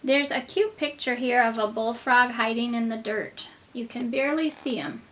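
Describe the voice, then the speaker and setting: A woman's voice: on the high side, moderate pace, a bit bright, a little hiss or hum, rough recording. A woman reading a children's book aloud as a teacher to very young children, with simple explanations, questions and asides, as if reading to a toddler. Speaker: kindergarten teacher.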